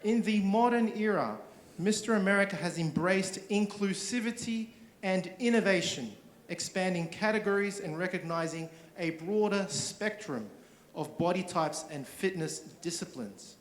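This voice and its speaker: A man reading a formal scripted tribute to an audience at an event venue, measured in delivery, over an echoey sound system. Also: high-pitched. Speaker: event speaker. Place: large indoor event venue.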